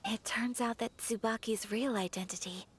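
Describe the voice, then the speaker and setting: A gracious young noblewoman from a game, speaking softly and breathily in a courteous, formal manner. Her voice sits a little high. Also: fairly even intonation, moderate pace, slightly rough. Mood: calm. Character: graceful, polite young noblewoman. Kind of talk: game voice acting.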